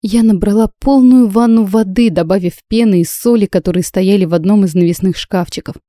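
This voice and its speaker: Warm-voiced woman narrating an audiobook. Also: medium pitch, a little fast, no echo, studio quality. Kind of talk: first-person audiobook narration.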